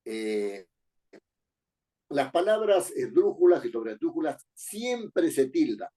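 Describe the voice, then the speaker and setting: Male teacher, lively mellow voice, repeats points and quizzes the class. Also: on the high side, slow. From Peru. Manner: repeats key phrases, asks the class rhetorical questions. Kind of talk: spoken lesson on writing and accent marks.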